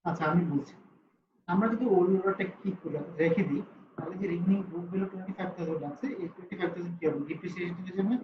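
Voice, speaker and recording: A man's voice: high-pitched, fairly even intonation, racing, slight background noise. A man teaching an online class, asking students questions and answering them himself. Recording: roomy, slightly dull call audio with faint ambience.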